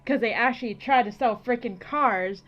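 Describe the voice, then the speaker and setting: A woman with a somewhat high voice chats casually as a podcast co-host, exclaiming and laughing freely. Her voice comes through a dull, lo-fi recording. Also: moderate pace. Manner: animated, laughs often, exclaims. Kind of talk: casual chat.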